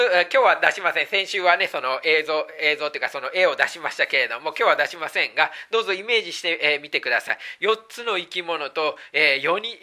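A pastor delivers a sermon in a bright, clear voice. The pace slows when scripture is read aloud and picks up to an earnest explaining tone, with drawn-out fillers and rhetorical questions to the listeners. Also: mid-range voice. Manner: reads scripture aloud slowly and deliberately.

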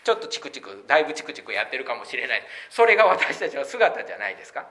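A man's voice: medium pitch, sing-song, very fast, sharp tone. A man preaching a sermon as a pastor, emphatic and full of rhetorical questions.

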